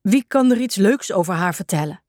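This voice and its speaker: A woman's voice: medium pitch, brisk, no echo, clean studio sound, lightly acted. A woman voicing a big, wise, kindly male dog who comforts the others in a children's story. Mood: gentle. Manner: calm and comforting.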